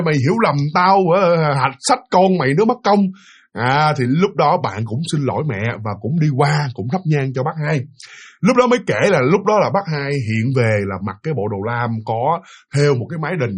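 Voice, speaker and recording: Brief: male storyteller, Southern Vietnamese accent, casual and talkative, high-pitched and a little husky. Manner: chatty, repetitive, addresses listeners directly. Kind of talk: casual spoken ghost-story narration.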